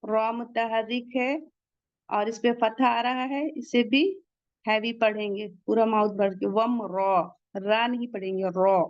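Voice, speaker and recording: A woman teaching the rules of Quran recitation, slowly sounding out each word and then explaining how to pronounce it. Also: fairly high pitch, fairly even intonation, dry recording, highs cut off. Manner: slow, deliberate, drawn-out recitation of each word.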